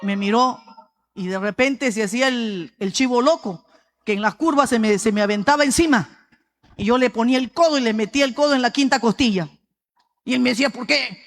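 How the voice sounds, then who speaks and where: A woman's voice: on the high side, a little fast. Peruvian woman preaching in a reverberant hall. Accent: Peruvian Spanish. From Peru. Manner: lively storytelling, often calling out "brother" to the congregation. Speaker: pastor. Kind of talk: sermon with personal testimony.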